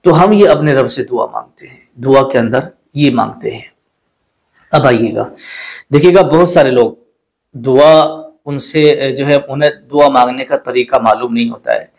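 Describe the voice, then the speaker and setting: A man of ordinary pitch explains a prayer in measured, courteous with a lilt. He speaks as a patient religious teacher addressing viewers. Now and then he slows down to repeat a word and correct how it is pronounced. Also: gravelly. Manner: recites the Arabic prayer slowly in a melodic chant. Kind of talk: religious instruction to camera.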